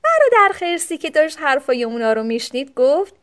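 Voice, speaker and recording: A woman narrating a children's storybook aloud with expressive delivery. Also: high-pitched.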